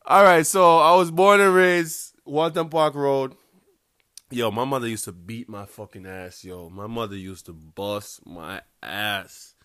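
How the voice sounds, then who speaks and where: A young man from Jamaica, speaking with a Jamaican accent in a medium-pitched, slightly bright, clean voice, talks a little slowly on his casual solo podcast. He rambles, curses, laughs often and says "um" a lot, and the studio-quality recording has no room sound.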